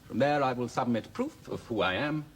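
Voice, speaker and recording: A man playing a scheming, cold-blooded heir, talking with cold menace and sharp contempt in an old film drama. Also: mid-range voice, expressive, normal speed, slight background noise, close to an everyday voice. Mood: menacing. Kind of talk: 1950s film drama acting.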